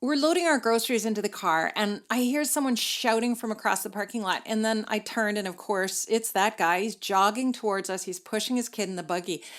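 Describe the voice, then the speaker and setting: Middle-aged woman host, chatty first-person storytelling, medium pitch. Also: a little fast, few pauses, a bit bright. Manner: conversational, sprinkled with "like" and "you know". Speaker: podcast host.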